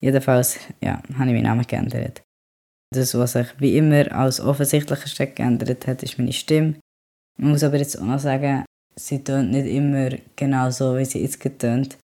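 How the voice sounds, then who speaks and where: A young man hosting a podcast, talking calmly and quietly in casual chat. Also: medium pitch, moderate pace, creaky. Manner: calm, quiet talker, rises when emotional. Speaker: podcast host.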